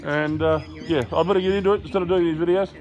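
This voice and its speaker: Man, fairly high pitch, slightly slurred mumbling, rambling self-deprecating delivery, casual outdoor vlog narration. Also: steady tone, fast, darkish tone, lo-fi sound. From Australia. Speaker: builder vlogging his house-raising job. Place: outdoor building site, gravel ground.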